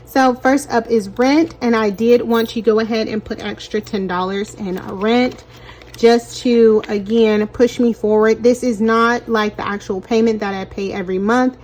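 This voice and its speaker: A woman's voice: on the high side, steady tone, moderate pace, a little mellow. Breathless chatty young woman vlogger. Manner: chatty, addresses viewers as "you guys". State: short of breath from pregnancy. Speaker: budgeting vlogger. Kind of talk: casual cash-stuffing chat.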